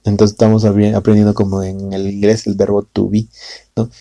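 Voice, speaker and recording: A man's voice: lowish voice, monotone, a little fast, creaky, mellow, no echo, dull audio. A man teaching a language lesson in a casual way in Spanish with a Latin American accent, often adding tag questions and fillers.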